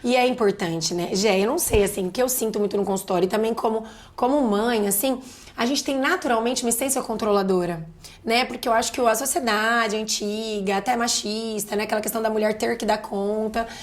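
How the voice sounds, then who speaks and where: A woman's voice: on the high side, fairly quick. A woman in her thirties with a Brazilian Portuguese accent, a pediatrician guest speaking candidly and expressively in a casual podcast conversation.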